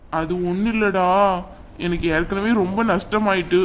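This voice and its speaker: A woman's voice: on the low side, steady tone, normal speed, highs cut off, close to an everyday voice. A defeated cartoon father, played by a woman, sounding downcast and apologetic. He speaks heavily, as if weighed down. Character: defeated troubled man, father.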